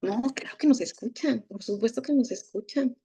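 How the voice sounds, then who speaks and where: A woman's voice: fairly high pitch, normal speed, mellow, breathy edge. A Mexican woman giving a masterclass as a thanatologist, telling stories and acting out the dialogue. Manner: acts out dialogue, tag questions. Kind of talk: storytelling lecture.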